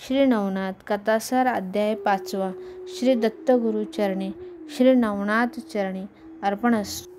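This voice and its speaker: A woman reading a devotional scripture aloud in a steady, recitative manner, in a noisy home recording. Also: medium pitch, a little slow. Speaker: scripture reader.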